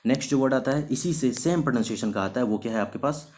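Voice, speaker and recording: A man whose voice is mid-range and a little mellow walks viewers through English vocabulary in a recorded video, explaining each word in stages. Blending English terms into his Hindi, he asks questions only to answer them himself, then slows down sharply over example sentences.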